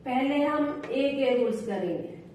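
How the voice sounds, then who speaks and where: A woman teaching English phonics, spelling each word out letter by letter and then saying it slowly. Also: high voice, animated, a little mellow, slight background noise. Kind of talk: phonics lesson. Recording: echoey room, voice from far off.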